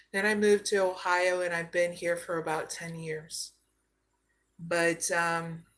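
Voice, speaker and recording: A woman from Arizona giving a live card reading, slow and soothing, often checking in with "okay?". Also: on the low side, bright, forceful tone. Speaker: psychic card reader.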